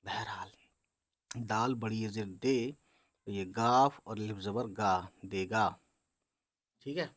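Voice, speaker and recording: A man teaching beginners to read Urdu, spelling words letter by letter, drawing the sounds out slowly and checking in with his listeners. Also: lowish voice, fairly bright tone, no echo. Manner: explains patiently, often checking with "है ना?" and "ठीक है?". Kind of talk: letter-by-letter reading lesson.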